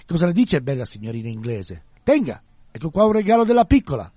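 A man's voice: a little high, very animated, fast, dark tone, dry recording. A man voicing the spirit of a cheerful little girl who talks in childlike broken phrases during a reading. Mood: chirpy.

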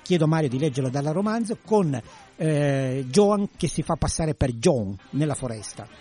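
A man hosting a literature talk show, retelling a plot in a hesitant way with many pauses. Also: a little high, expressive, mellow. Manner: hesitant, many fillers and restarts. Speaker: host.

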